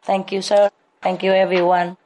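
A woman spiritual teacher answering questions at a public talk, speaking slowly with repetition and frequent laughter. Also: mid-range voice, flat delivery, darkish tone. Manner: slow, repetitive, laughs often.

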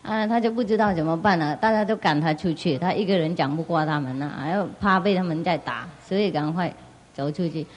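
A woman spiritual teacher telling a story in a sermon, animated and laughing often as she goes. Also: lowish voice, a little fast.

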